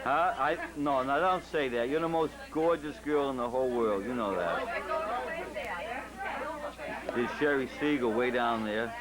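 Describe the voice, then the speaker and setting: A man's voice: mid-range voice, moderate pace. A man behind a camcorder giving casual running commentary and coaxing guests to pose, on an old home video. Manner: coaxing, directing people to pose. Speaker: home video cameraman and narrator. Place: busy restaurant party, behind the camera. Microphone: camcorder microphone. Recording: old home video, noisy party chatter.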